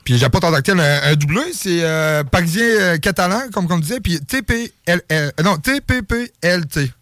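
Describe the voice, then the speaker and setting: A man's voice: high voice, animated, normal speed, fairly bright tone, no room sound. A man co-hosting a radio show in casual, rambling chat with many fillers and restarts. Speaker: radio co-host.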